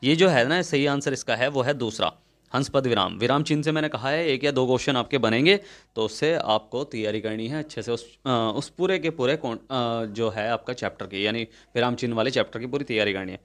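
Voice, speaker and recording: A man's voice: medium pitch, a little fast, fairly bright tone. Man teaching exam-prep grammar lesson. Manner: explains step by step, checks often with "ठीक है". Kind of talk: spoken Hindi grammar lesson.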